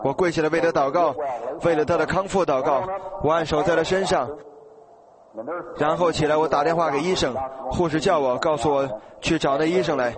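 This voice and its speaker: A man delivers an earnest sermon, telling a story and urging his listeners on. His voice sits a little high for a man. A loud crowd fills the space behind him. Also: fairly even intonation, brisk. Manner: earnest, exhorting, acts out quoted dialogue. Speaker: preacher.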